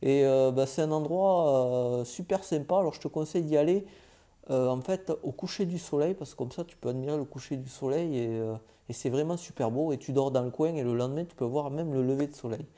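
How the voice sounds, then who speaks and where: Very dark-voiced chatty male vlogger. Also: fairly high pitch, brisk. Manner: hesitant, many filler "euh"s, chatty and informal. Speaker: travel vlogger. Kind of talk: casual travel recap vlog.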